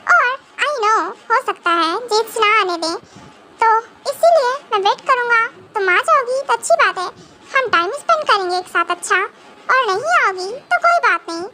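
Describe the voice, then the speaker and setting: A woman's voice: extremely high pitch, big pitch swings, normal speed, background noise. Woman voicing a coaxing young boyfriend. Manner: coaxing, reassuring. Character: young female boyfriend type, soothing and teasing. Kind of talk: fan audio drama.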